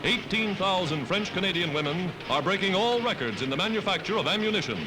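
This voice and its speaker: A man's voice: high-pitched, expressive, a little fast, very noisy. A man narrating a 1940s wartime newsreel with an emphatic declaiming delivery. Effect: old newsreel narration over loud music. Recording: old newsreel soundtrack with loud music. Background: loud music.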